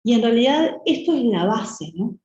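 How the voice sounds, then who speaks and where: A woman with a Uruguayan accent giving a lecture talk, measured and thoughtful, often adding rhetorical tag questions. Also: on the high side, sing-song, a little mellow. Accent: Uruguayan Spanish. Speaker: guest speaker. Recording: echoey, muffled room recording with faint hiss.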